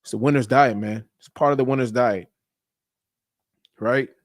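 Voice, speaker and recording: A man's voice: medium pitch, moderate pace, no room sound. Blunt, emphatic man in a dry room. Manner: blunt, emphatic, preachy, casual profanity. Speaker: podcast host. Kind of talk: motivational monologue.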